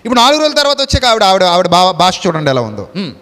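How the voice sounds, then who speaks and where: Male pastor, high voice, emphatic repetitive sermon delivery, long reverb. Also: sing-song, very fast, fairly bright tone. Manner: emphatic preaching, repeats phrases, mixes in English words. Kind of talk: Telugu sermon with Bible reading.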